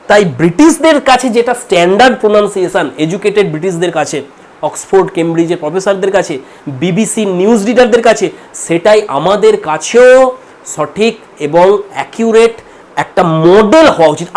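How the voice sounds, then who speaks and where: Fast-talking teacher from India. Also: male voice, extremely high pitch. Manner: explanatory, repeats words slowly to model sounds. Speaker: English teacher. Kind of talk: online pronunciation lesson.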